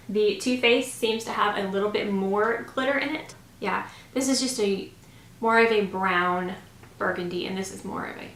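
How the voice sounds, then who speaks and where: This beauty vlogger, a woman in her thirties, gushes casually to camera during a makeup review. Her voice is medium-pitched, a bit bright and slightly scratchy, with a roomy echo from the small indoor home room.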